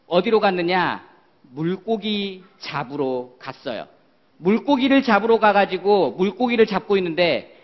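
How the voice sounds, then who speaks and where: A man preaches to children with a high, very lively voice that swoops up and down. He keeps asking the kids questions and sets up little role-plays. The sound is dull and lo-fi, like an old church recording. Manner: animated, questions the children often. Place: church worship hall.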